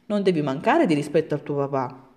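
A woman voicing a kindly old male woodcarver, a fond father who scolds gently, in a storybook reading. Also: deep voice, animated, a little fast. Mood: gentle scolding.

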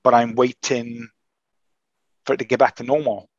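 A man of middle pitch hosts a casual chat, talking slowly through a long recovery story with frequent false starts. His voice sounds a little altered by the illness. The recording is dry and somewhat dull. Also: level tone, no room sound. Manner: hesitant, halting with many restarts. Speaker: podcast host.

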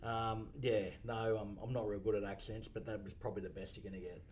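This man, an Australian car dealership principal, is a guest on a casual podcast, chatting reflectively with lots of ums and restarts. His voice is fairly low and level in tone, a little fast and slightly mellow, with a bit of background noise.

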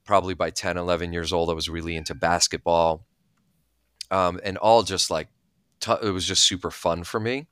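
A man's voice: deep voice, steady tone, normal speed, fairly bright tone, clean tone, no echo, clean studio sound. A man in his thirties, originally from Bulgaria, talking candidly as an interview guest. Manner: thoughtful, candid, many fillers. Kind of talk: casual interview talk.

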